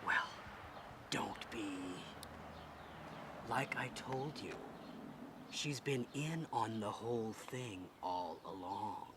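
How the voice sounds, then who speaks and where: An actor playing a volatile film director who stammers and bursts into shouting. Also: male voice, lowish voice, takes it slowly, long pauses, background noise. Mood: hushed, scheming.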